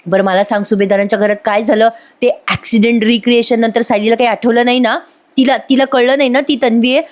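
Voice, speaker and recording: A woman voicing a furious scheming young woman in jail, shouting and repeating herself in a high voice. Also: moderate pace, close to an everyday voice. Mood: anxious. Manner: shouting, frantic, repeating denials.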